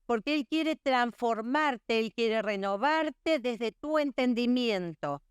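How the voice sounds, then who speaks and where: A woman's voice: fairly high pitch, animated, slow, clean tone, dry recording, studio quality. A middle-aged woman, preaching earnestly at a women's conference and often checking in with her listeners. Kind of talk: sermon.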